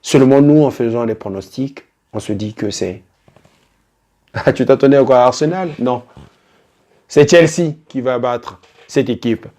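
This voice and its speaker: A man hosting a football betting show, talking straight to viewers with theatrical rhetorical questions and a mix of loud exclamations and low asides. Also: moderate pace. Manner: drops into English greetings. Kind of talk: lively sports betting talk to camera.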